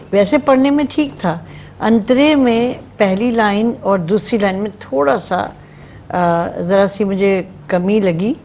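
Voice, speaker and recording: Woman, gentle encouraging critique, middle pitch, faint studio noise. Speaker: naat judge. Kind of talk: giving feedback on a performance.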